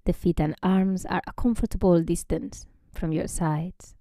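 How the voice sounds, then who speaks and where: A yoga nidra teacher guides a relaxation with a steady, very mellow voice pitched slightly low. Unhurried and gentle, she often slips into a breathy near-whisper, and the close, dry sound has no room noise.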